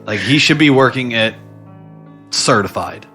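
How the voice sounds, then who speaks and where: A man's voice: on the low side, sharp tone. A man co-hosting a true crime podcast, chiming in with blunt, profane wisecracks. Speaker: podcast co-host.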